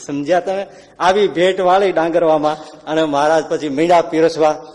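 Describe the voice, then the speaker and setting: A man giving a devotional sermon, telling stories animatedly and acting out the characters' lines with sudden loud and hushed swings. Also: a little high, fairly even intonation, normal speed, slight background noise. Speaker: religious storyteller. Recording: long hall reverb.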